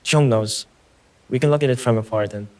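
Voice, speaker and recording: A man's voice: mid-range voice, fairly even intonation, a little fast, a little mellow, recorded from a distance, lightly acted. A man voicing a teasing, fond young boy.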